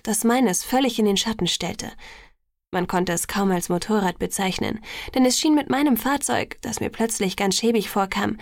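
Gravelly-voiced woman narrating an audiobook. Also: medium pitch, no echo, studio quality. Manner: measured, quietly reflective reading. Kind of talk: first-person audiobook narration.

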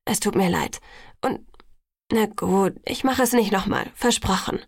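Woman reading a stubborn teen werewolf guy, teasing, a bit gravelly, dry sound. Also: mid-range voice, measured pace, dry recording. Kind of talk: audiobook dialogue reading.

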